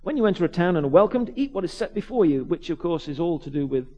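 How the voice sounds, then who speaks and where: Animated vicar telling a story. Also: male voice, a little high, muffled recording. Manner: animated, acts out voices, quick restarts. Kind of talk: storytelling sermon.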